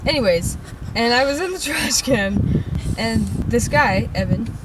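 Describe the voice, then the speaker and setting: High-voiced young woman, chatty storyteller. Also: lively intonation, unhurried. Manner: chatty storyteller, laughs often. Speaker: podcast co-host. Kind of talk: casual chat. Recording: distant mic with loud background noise.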